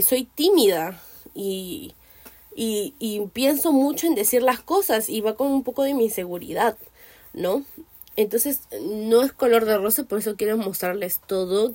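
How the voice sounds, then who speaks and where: A young woman speaks in a somewhat high voice, reflective and candid, as she tells a personal story on her podcast. She keeps coming back to fillers and little tag questions, and the sound is dry and close, with no room echo. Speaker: podcast host.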